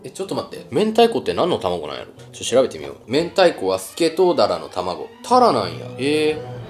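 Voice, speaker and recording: A man's voice: mid-range voice, wildly swooping pitch, brisk, soft background music. A young man with a western Japanese accent, chatting casually to the camera as he eats in a mukbang. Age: young adult. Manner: talks to camera while eating and tasting. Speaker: mukbang host. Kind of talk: casual mukbang eating chat. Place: small room at home.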